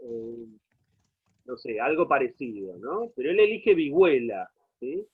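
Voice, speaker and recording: A man with an Argentine Spanish accent gives an online university lecture over a video call, his mid-range voice expressive, measured, and slightly rough. He explains at length and often checks in with his students, all through tinny, phone-like call audio.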